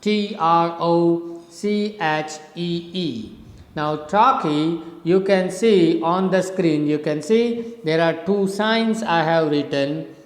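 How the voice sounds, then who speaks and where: Slow-spoken Indian man teaching poetry. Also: a little high. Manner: patient, repeats and spells out points. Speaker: English literature lecturer. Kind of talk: slow classroom explanation. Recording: echoey room with long reverb.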